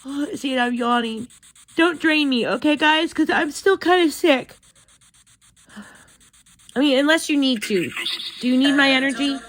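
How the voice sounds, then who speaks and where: A woman hosting a spirit box session, talking casually in a gentle, chatty, coaxing way as she asks questions. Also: high-pitched, a little slow, pauses often.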